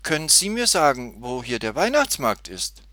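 A man's voice: medium pitch, big pitch swings, normal speed, pushed and bright, dry recording, voice pushed up. A man voicing an eager, chirpy little girl in a storybook reading. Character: cheerful little girl Tutti.

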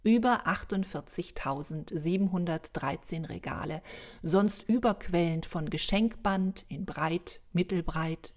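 A woman reading a first-person story aloud in a wry, unhurried storytelling manner. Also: low voice, darkish tone.

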